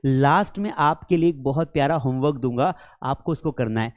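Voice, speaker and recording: Guy teaching english online, patient explaining, says example sentences real slow, calls viewers friends and kids. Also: mid-range voice. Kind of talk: online spoken-English lesson.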